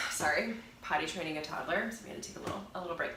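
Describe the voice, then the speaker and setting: Talking fast in a lowish, pushed, bright voice, the fitness vlogger sounds congested and nasal as she recovers from a cold. Her casual camera chat rambles and doubles back on itself, set against a roomy echo and faint noise.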